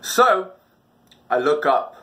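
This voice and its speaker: A man hosts a comedic storytelling video, recounting personal stories with a theatrical, exaggerated delivery full of acted-out reactions and sound effects. His voice is on the high side, sing-song, pushed, and bright, and he takes his time.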